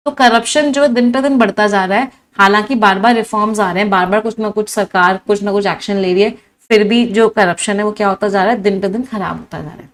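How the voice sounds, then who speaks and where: A woman of medium pitch talks fast, with few pauses, during a live online English vocabulary lesson. Blending Hindi and English, this spirited teacher strings together many synonyms and keeps asking her students questions.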